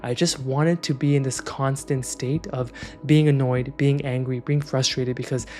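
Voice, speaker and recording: A man's voice: mid-range voice, fairly even intonation, moderate pace, darkish tone, faint music behind. A man in his thirties telling a personal story in a frank, conversational way, then guiding the listener through a breathing exercise. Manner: conversational, frank, with many fillers like "like". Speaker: meditation guide. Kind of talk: casual storytelling and guided breathwork.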